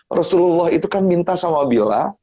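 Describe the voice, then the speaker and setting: A man giving a casual motivational talk as a guest, his voice somewhat husky. He tells stories animatedly and voices other people with sharp jumps upward in pitch. The stream audio is dull and lo-fi. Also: fairly quick. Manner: animated storytelling, acting out others' lines with big pitch jumps. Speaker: guest speaker on family topics. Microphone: live-stream mic.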